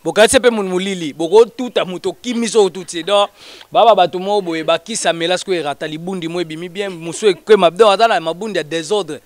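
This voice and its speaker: A man talking in an animated, casual way, switching between Lingala and French. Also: high-pitched, quick pace, dry recording.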